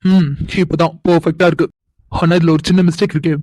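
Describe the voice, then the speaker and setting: A man's voice: fairly high pitch, little pitch movement, a little fast, darkish tone, no echo, lightly acted. A man voicing a mocking young man in a cartoon, teasing and taunting. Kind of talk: cartoon voice acting.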